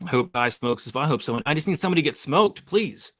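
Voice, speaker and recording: A man's voice: mid-range voice, lively intonation, quick pace, a bit bright, no echo. A man hosting a live fight watch-along, chatty and hyped, reading the chat aloud. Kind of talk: casual live-stream chat.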